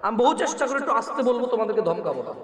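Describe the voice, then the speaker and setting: A man preaching a sermon at a large religious gathering, talking loudly and animatedly. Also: rapid-fire, recorded from a distance. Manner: loud, high-voiced and animated. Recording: echoey long hall reverb.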